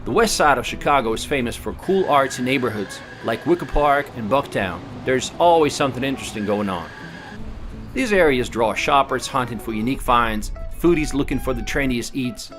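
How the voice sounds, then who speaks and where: A man from Russia reading a scripted voice-over for a travel vlog, in an even, informative tour-guide manner. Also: medium pitch, normal speed, music in the background.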